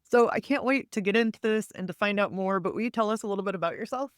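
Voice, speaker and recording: A woman's voice: mid-range voice, fast talker, dry recording, studio quality. A woman hosting a podcast interview, affirming her guest and asking curious questions. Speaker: podcast host.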